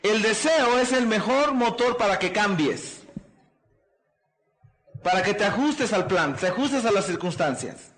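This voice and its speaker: High-voiced man giving a rousing sermon-like talk. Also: expressive, a little slow, fairly bright tone. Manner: preachy call-and-response, asks the crowd "¿qué?" and "¿verdad?"; repetitive rousing delivery. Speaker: motivational speaker. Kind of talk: motivational seminar talk.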